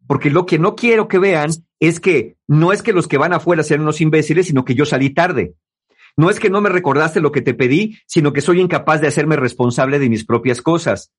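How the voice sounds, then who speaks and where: A man hosting a talk on relationships, explaining to his listeners in a lively way. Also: a little high, brisk, slightly rough. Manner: lively, acts out quoted people in mocking voices. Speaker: host giving relationship advice.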